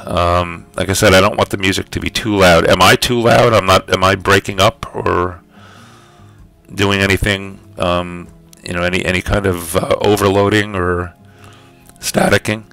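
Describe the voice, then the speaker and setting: A man's voice: sits low, steady tone, normal speed, creaky, sharp tone, no room sound, soft background music. A man hosting a casual livestream, chatting with viewers about his audio levels and setting up a writing sprint, with lots of fillers.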